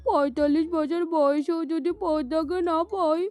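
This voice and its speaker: A woman's voice: sits high, fairly even intonation, moderate pace, darkish tone, close to an everyday voice. A woman voicing a foolish, lovesick old male landlord in a cartoon, pleading and dreamy. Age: middle-aged. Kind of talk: cartoon voice acting. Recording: faint music underneath.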